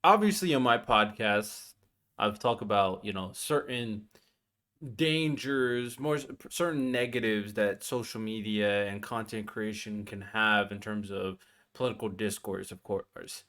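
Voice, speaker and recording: A man's voice: lowish voice, measured pace, fairly bright tone. A man reacting to a video on his stream, talking in a chatty, offhand way and often tagging his points with "right?". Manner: chatty, tags lines with "right?". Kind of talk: casual reaction commentary.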